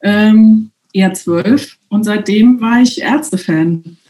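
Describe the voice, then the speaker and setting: A woman guest from Germany, speaking in a relaxed, hesitant way with many fillers in a casual conversation. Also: medium pitch, takes it slowly.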